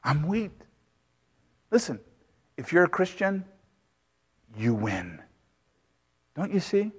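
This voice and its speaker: A man's voice: on the high side, sing-song, takes it slowly, slightly rough. A man preaching a sermon as pastor, emphatic and full of rhetorical questions. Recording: long hall reverb.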